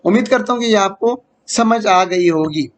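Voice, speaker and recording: A man teaching an online grammar lecture, patiently repeating key terms and checking in with rhetorical questions. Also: sits high.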